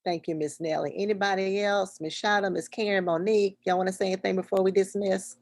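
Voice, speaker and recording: A woman's voice: mid-range voice, steady tone, fast talker, a little mellow, dry recording, studio quality. A woman hosting a children's class on a video call, informal and instructive, repeating her directions. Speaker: host of a virtual children's class.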